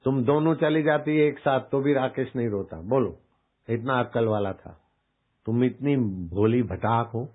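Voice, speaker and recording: A man's voice: medium pitch, measured pace. A male spiritual teacher giving a folksy devotional discourse, full of scolding rhetorical questions. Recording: tinny phone-like sound.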